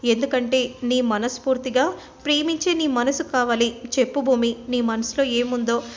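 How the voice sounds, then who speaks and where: A woman narrator putting on a lovesick young man in a retold serial, pleading and insistent. The voice sits a little high. The recording sounds dull and lo-fi. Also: close to an everyday voice.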